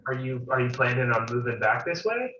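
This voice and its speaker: A man's voice: mid-range voice, big pitch swings, a little fast, sharp tone. A man chatting casually on a video call, easygoing and sometimes losing his words. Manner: easygoing, stumbling over words. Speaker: meeting participant. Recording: echoey lo-fi call, distant mic, faint hiss.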